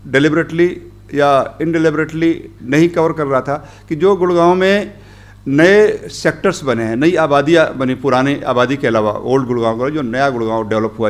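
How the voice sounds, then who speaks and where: A middle-aged man giving a workshop talk as a journalist, rambling through his points with many pauses and English phrases mixed in. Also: medium pitch. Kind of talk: workshop lecture. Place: conference hall.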